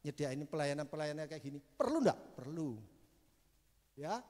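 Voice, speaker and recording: A man's voice: on the high side, big pitch swings, moderate pace, a little mellow. Older male preacher asking rhetorical questions. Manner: conversational, peppers talk with rhetorical questions to the congregation. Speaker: guest preacher. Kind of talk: sermon. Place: church service. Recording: reverberant church hall.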